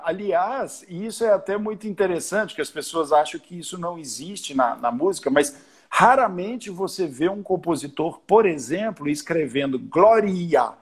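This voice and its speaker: Brazilian guy, choir conductor on a livestream, kinda husky, higher voice, lots of restarts, counts beats out loud. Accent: Brazilian Portuguese. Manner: explains at length with many restarts, sings and counts out examples. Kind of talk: casual chat on a live stream.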